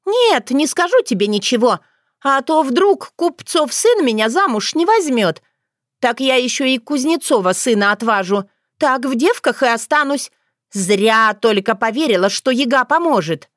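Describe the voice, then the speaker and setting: A woman voicing a brash, quarrelsome young village girl who talks loudly and shrilly. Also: expressive, moderate pace, no echo, studio quality. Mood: coy. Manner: loud, shrill, indignant.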